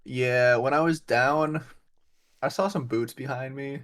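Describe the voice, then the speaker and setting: A man's voice: medium pitch, measured pace, fairly bright tone. Man, player, casual game chat, joking, laughing.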